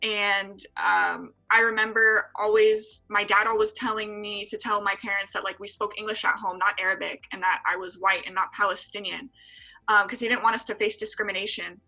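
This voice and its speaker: As an interview guest, a San Diego, California, EMT in her twenties answers earnestly, filling her speech with filler words. Her medium-pitched voice holds a steady tone at normal speed and is creaky with a sharp edge. Soft background music accompanies the low-quality recording.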